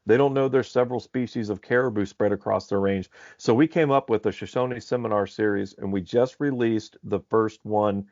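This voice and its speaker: A man with a lowish voice hosts a casual podcast, talking in an upbeat, rambling way full of fillers. The audio is dry and a little dull. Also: fairly even intonation, moderate pace, hardly any pauses, a little mellow, no echo. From Alaska. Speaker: podcast host.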